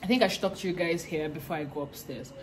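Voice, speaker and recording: A woman's voice: lowish voice, faint music behind. A woman in her twenties with a Nigerian accent, chatting casually to camera in a playful, talkative vlog. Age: 20s. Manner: chatty, playful, with quick laughs. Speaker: vlogger.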